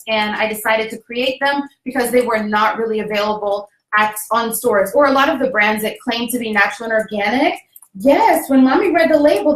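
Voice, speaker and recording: A woman's voice: a little high, a bit bright. A young woman from Jamaica hosting a casual livestream, upbeat and chatty, laughing often. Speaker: host. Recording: echoey room.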